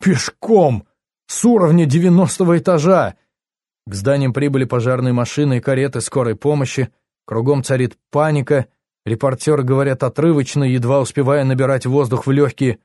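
A man narrating a first-person story, tense and hushed, his voice dropping low at grim moments. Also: steady tone, a little fast, no echo, clean studio sound. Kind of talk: audiobook narration.

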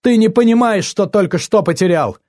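A man's voice: on the high side, moderate pace, dark tone, no room sound, studio quality, voice pushed up, natural voice. Man voicing a pleading, two-faced young woman. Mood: indignant. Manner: emotional, pleading then indignant. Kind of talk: audiobook character voice.

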